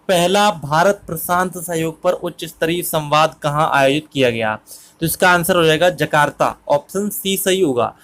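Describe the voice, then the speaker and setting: Guy doing an exam quiz lesson, slightly high voice, steady explainer tone. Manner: steady explanatory, repeats answers. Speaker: current affairs quiz tutor.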